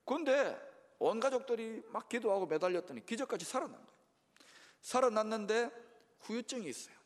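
A man's voice: sits high, animated, fairly quick. A male pastor preaching a sermon and often turning to the congregation with rhetorical prompts. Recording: long reverb of a large hall.

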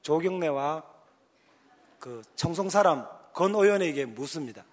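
A man's voice: on the high side, lively intonation, unhurried. A male pastor with a Gyeongsang accent preaching a sermon, telling the story with emphasis and acting out voices. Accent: Gyeongsang Korean. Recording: long hall reverb.

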